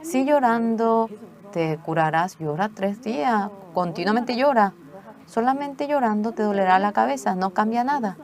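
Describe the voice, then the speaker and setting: A woman's voice: a little high, lively intonation, normal speed, darkish tone, pitched above the performer's own voice. A woman voicing her firm, loving middle-aged mother, who urges her in a stern, insistent way.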